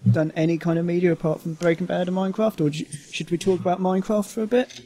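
A man's voice: high voice, steady tone, fast talker, warm tone, slight background noise. A man co-hosting a podcast in casual chat, hesitant and full of fillers, with a dry, sarcastic humor. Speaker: podcast co-host.

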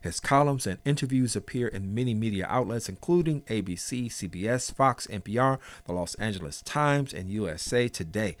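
A man hosting a radio interview with a clear announcer delivery. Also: lowish voice, expressive, normal speed, few pauses, dry recording. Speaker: radio host.

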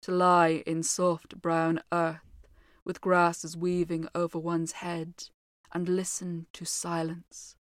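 Woman voicing a sorrowful ghost, centuries old, low dreamy delivery, dry close read. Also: completely flat delivery, slow, dry recording. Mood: sad, dreamy. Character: weary centuries-old male ghost, sad and lonely.

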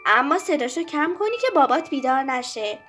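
A woman voicing a patient mother who calmly answers her little daughter in a children's story. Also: high voice, soft background music. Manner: calm, reassuring, gently firm. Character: patient mother of a small girl, gently firm.

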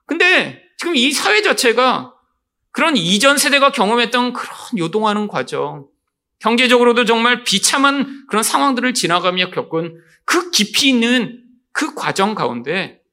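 A middle-aged man preaching a sermon as pastor, animated and often addressing the congregation directly. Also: extremely high pitch, gravelly.

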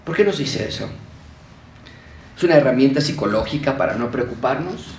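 A man's voice: mid-range voice, animated, normal speed, a little hiss or hum. A man preaching a sermon, shifting emphatically and acting out quotes. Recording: roomy, distant mic with faint ambience.

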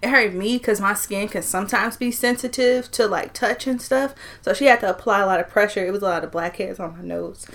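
Young woman chatting in a medium-pitched voice. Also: brisk, hardly any pauses, fairly bright tone. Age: 20s. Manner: slangy, informal. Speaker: podcast co-host. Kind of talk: casual chat.

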